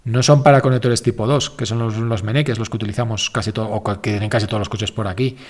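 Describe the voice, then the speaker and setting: A man's voice: fairly low pitch, fairly even intonation, fast, a little mellow. A man hosting a casual live stream, answering viewer questions in a rambling, self-correcting, informal way.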